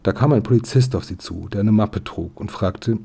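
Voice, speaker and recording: A man reading a children's story aloud as narrator in a calm, even manner. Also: lowish voice, moderate pace, gravelly, slightly rough. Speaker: audiobook reader.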